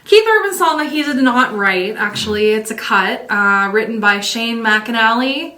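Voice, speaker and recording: Bright-voiced effusive woman host. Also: on the high side, lively intonation, moderate pace, echoey room. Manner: effusive, sings snippets of lyrics. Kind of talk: casual chat ranking songs.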